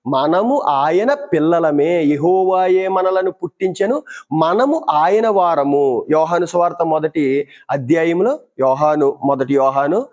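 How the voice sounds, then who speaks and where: A man's voice: on the high side, a little mellow. A man giving Bible teaching, asking rhetorical questions and acting out everyday dialogues to make his point.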